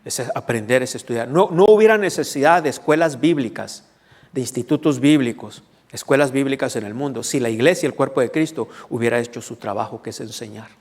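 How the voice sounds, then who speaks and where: A man preaches a teaching sermon at a middle pitch. He explains verses point by point and keeps checking that the congregation follows. His voice rings with the long reverb of a church hall. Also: a little fast, darkish tone. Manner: teaching, asks the congregation questions. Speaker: pastor.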